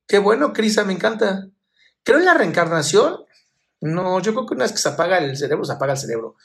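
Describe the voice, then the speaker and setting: A man's voice: high voice, very animated, fairly quick, creaky. A man hosting a live stream, reading viewer questions aloud and answering them with frank emotional advice, calling viewers "my love.". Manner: affectionate, calls viewers "my love".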